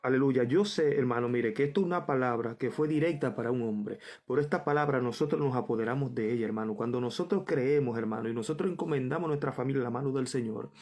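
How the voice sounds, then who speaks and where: A man's voice: medium pitch, fast talker, few pauses, a little mellow. A man preaching a Bible study, reading verses aloud and repeating them for emphasis while calling the listeners brother.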